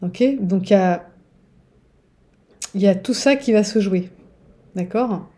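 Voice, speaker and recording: A woman's voice: mid-range voice, a little slow, mellow. A woman giving a casual teaching monologue as a spiritual relationship coach, chatty and digressive, often checking in with listeners. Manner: digressive, with restarts.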